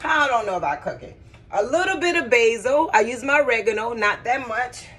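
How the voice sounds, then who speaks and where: A woman's voice: a little high, animated, fairly quick, fairly bright tone. A woman cooking at home and chatting casually to her viewers, often calling them guys and y'all as she works. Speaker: cooking vlogger. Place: home kitchen.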